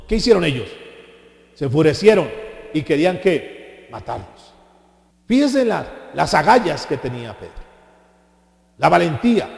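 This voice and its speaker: Animated man preaching in an echoey hall. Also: on the high side, gravelly. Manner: animated preaching with rhetorical questions and mocking impressions. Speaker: pastor. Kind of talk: sermon.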